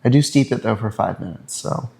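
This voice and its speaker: Man, family podcast co-host, gravelly, easygoing, joking. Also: fairly low pitch, brisk, mellow, rough recording. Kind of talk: casual family chat.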